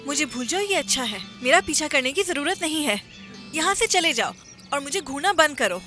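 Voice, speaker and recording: A woman's voice: high-pitched, expressive, moderate pace, bright, forceful tone, faint music behind. A defiant, curt young woman. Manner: curt and dismissive. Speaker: dub actress. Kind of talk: film dubbing.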